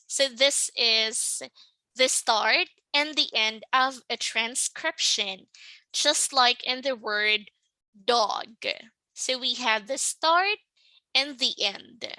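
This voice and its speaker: A woman teaching English pronunciation in a slow, patient lesson, often checking in with the listener. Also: high voice, pushed and bright, dry recording, rough recording. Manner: patient, checks in with "right?" and "okay?".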